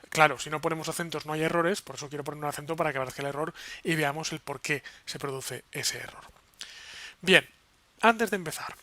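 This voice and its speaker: Bright-voiced man teaching code. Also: a little high. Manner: conversational, frequent "¿vale?" check-ins. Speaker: web development instructor. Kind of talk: screen-recorded coding lesson.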